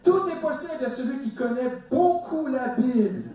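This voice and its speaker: Animated male preacher in an echoing hall. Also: moderate pace. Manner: animated, dramatizes quotes with big pitch swings; addresses congregation directly. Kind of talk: sermon. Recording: echoey hall, mic from a distance.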